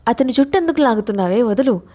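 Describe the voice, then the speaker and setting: A woman's voice: a little high, animated, fast, a little mellow. A woman voicing an anxious, pleading young friend. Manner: pleading, soothing.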